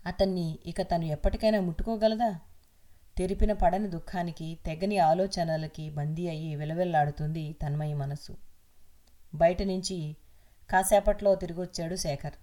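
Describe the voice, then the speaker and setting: A woman's voice: on the low side, steady tone, normal speed, mellow. Woman narrating an audio novel.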